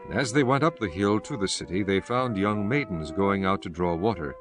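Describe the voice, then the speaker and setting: A man with a fairly deep voice narrates scripture in a measured, formal style. Clear background music runs beneath his scripted reading.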